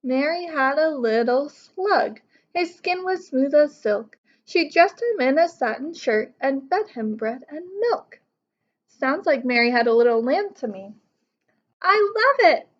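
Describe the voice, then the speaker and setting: A teacher in her thirties sits on a living room couch at home, reading a picture book to young pupils and explaining it instructively. Her voice sits high, expressive and unhurried. The audio sounds dull.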